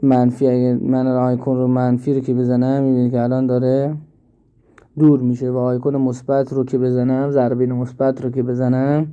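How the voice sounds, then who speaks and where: A man teaching an app step by step, slowly and with repeats, in a screen-recorded tutorial. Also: medium pitch, monotone, clean tone, phone-quality sound. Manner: slow step-by-step explaining, repeats himself. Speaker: instructor.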